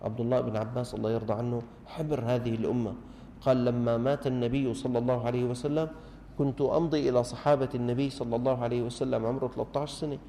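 Gravelly Damascene man teaching in a hall. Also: medium pitch, racing, slight background noise. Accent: Damascene Arabic. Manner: animated, rhetorical questions, teasing mimicry. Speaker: religious teacher. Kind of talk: mosque lesson to a gathering. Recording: long hall reverb.

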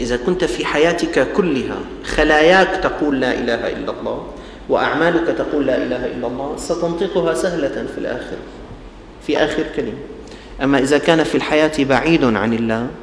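A man delivering a colloquial sermon, slowing for emphasis and acting out the people he quotes. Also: medium pitch, a little hiss or hum. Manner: colloquial, acts out quoted people, shifts between slow emphasis and quick asides. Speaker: preacher. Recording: roomy hall with faint ambience.

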